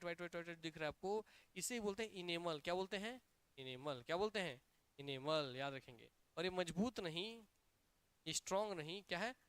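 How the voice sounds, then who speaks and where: A male coaching teacher with a Chhattisgarhi Hindi accent, giving a lively classroom lecture and drilling students with repeated questions and answers. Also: high voice, clean tone, no echo. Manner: energetic, emphatic.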